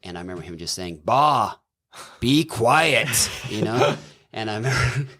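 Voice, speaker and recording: As a guest on a podcast, this middle-aged doctor and businessman chats in a casual interview with a lowish, husky voice that is pushed and bright. He speaks unhurriedly and thoughtfully, rambling with plenty of fillers and false starts.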